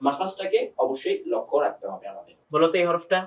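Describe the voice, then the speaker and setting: A man's voice: a little high, sing-song, fast talker, distant mic, poor audio. A man teaching Quran pronunciation one-on-one, patiently demonstrating single sounds and quizzing his student.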